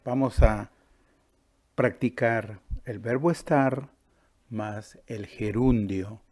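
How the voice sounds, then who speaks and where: A man teaches a Spanish grammar lesson at a slow, deliberate pace. His voice is gravelly and a little husky. He checks in with the listener as he explains each step. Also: on the low side, darkish tone. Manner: patient, drawn-out, stops to ask "¿sí?" and "¿verdad?".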